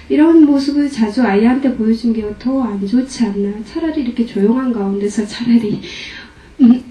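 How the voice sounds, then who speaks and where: A woman's voice: fairly high pitch, mellow. Hesitant middle-aged woman asking a question. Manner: hesitant, trailing off, self-reflective. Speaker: questioner from the audience. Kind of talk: confessional question in a dharma talk. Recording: roomy hall, distant from the mic.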